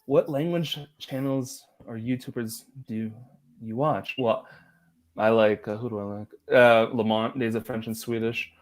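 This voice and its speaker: A man hosting a language-learning livestream, chatting in a relaxed, rambling way and laughing easily. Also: medium pitch, a little slow. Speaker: livestream host. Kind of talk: casual livestream chat.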